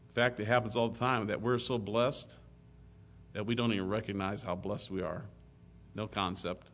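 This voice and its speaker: A man preaching a sermon to his congregation, rising loud on key phrases and dropping to a soft, hushed tone. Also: lowish voice, slight background noise. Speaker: pastor.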